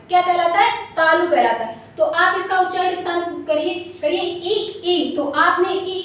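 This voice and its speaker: High-voiced woman teacher in an echoey room. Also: fairly bright tone, recorded from a distance. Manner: asks questions and answers them herself, drilling by repetition. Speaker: Hindi grammar teacher. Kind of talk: exam-prep lesson. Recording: very echoey room, voice from off-mic, faint hum.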